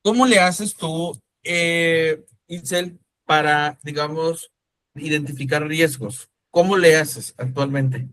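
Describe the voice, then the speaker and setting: Taking it slowly, a male instructor with a fairly bright, somewhat high voice runs an online-style class, speaking conversationally and putting questions to students by name. He often checks comprehension with "¿sí me explico?", and the recording is low-quality.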